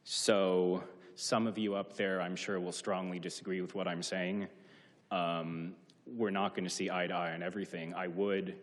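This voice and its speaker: A man with a very low voice delivers a formal public comment, short of breath as he argues his points. His prepared remarks ring out with the long reverb of a council chamber. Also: flat delivery, moderate pace. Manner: formal, argumentative. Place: large indoor council chamber. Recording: reverberant hall sound.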